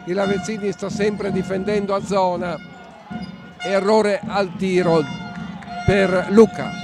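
Man, high voice, live basketball commentary, halting and emphatic, critical analysis, music behind. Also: flat delivery, vocal fry. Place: sports hall during a live game.

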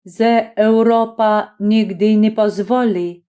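A woman voicing a pompous, stately Polish gentleman with a Polish accent, speaking slowly and solemnly. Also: medium pitch, fairly even intonation, close to an everyday voice. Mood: firm. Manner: slow, solemn, stately delivery.

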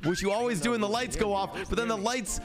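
A man talking casually over group voice chat while playing an online game, loud, laughing and pleading. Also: high voice, fast, music in the background. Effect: heard over group voice chat in an online game. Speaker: game player. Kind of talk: casual gaming banter.

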